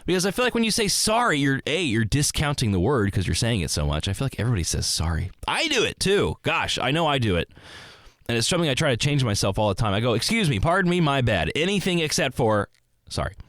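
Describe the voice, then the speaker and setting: A young man hosting a rambling solo podcast, animated and acting out quotes in a raised voice. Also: medium pitch, fast, dry recording, studio quality. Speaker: podcast host. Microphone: close mic in a small dry space.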